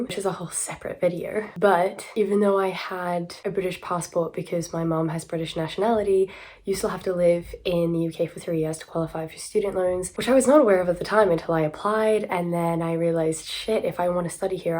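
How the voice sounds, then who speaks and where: A woman in her twenties from South Africa, talking casually and candidly to camera, hoarse from a sore throat, with a smoker-like rasp. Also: on the low side, a little mellow. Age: 20s. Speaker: student vlogger.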